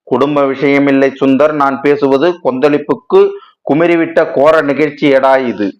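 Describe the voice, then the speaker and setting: A man's voice: mid-range voice, fairly even intonation, moderate pace, darkish tone, natural voice. A man voicing an anguished male writer in a storybook reading, lamenting in a dramatic, wordy way, on a dull lo-fi recording. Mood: grieving. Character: anguished male writer, grief-stricken and impassioned.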